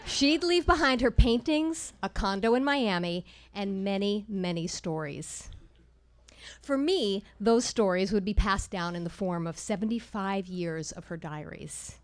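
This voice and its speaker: A woman tells a personal story onstage at a small live storytelling night. Her delivery is measured and wry, landing dry jokes with careful timing. Her voice sits at an ordinary middle pitch. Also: lively intonation.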